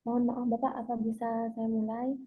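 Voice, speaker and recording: A woman's voice: fairly high pitch, level tone, fairly quick, slightly rough. Polite young woman on muffled laptop audio. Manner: polite and deferential. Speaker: student in a thesis exam. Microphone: laptop on a video call.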